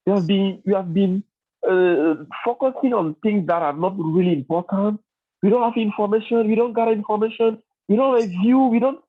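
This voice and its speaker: A man, a doctor attending a webinar, speaking effusively and haltingly over a call. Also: high voice. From Cameroon. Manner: effusive, halting, repeats himself. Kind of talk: grateful remarks in a webinar. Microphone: phone or video call. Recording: tinny call line.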